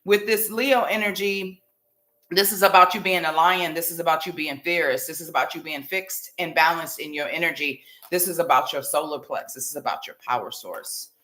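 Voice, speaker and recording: Speaking at normal speed in a low, bright, forceful voice, an American woman gives a tarot reading on her livestream in a casual, psychic-hotline manner. She's familiar and slangy, talking right to her viewers, and the audio has a roomy echo plus light background noise.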